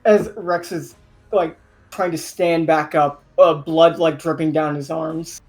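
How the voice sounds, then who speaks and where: A man's voice: on the high side, flat delivery, slow pace, soft background music. A man working as game master, narrating a tabletop role-playing game as he improvises.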